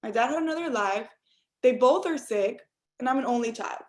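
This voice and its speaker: Her voice on the high side, animated and a little fast, a young adult woman from Cuba motivates listeners on a group call. Earnest and direct, she calls them "you all," heard through call audio.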